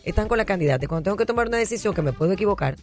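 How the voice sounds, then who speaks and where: A woman's voice: mid-range voice, soft background music. A middle-aged woman, a political candidate, telling stories in a candid interview. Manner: animated, rapid storytelling.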